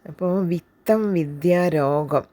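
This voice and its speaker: An older woman telling a personal story in casual, chatty talk to her listeners. She sounds unwell and keeps clearing her throat. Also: deep voice, steady tone, takes it slowly. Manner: chatty, addresses listeners warmly with tag words. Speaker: vlogger.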